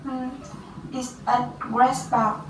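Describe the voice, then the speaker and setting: A teenage girl with a Vietnamese accent taking an English speaking test, halting and hesitant with restarts. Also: a little high, level tone, a little hiss or hum. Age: teens. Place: small classroom office, indoors. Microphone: far camera. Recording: roomy, distant camera sound.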